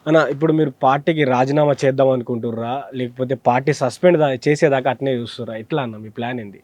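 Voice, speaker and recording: A man's voice: mid-range voice, fast, darkish tone, no room sound. A man interviewing a guest, asking brief questions and murmuring along as he listens.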